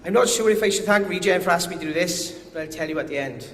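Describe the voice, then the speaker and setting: A company director with a strong Welsh accent gives a conference presentation, a little nervous and self-deprecating. His voice is high-pitched, fast and a bit bright. The conference hall sounds echoey, with faint noise.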